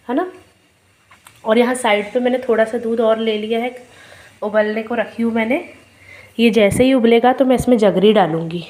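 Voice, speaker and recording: A middle-aged woman talks through a recipe in her kitchen video, her voice pitched a little high and roughened by a sore throat. She speaks casually and chattily, calling viewers friends and explaining each step. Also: mellow. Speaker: cooking video host. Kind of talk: casual cooking demonstration.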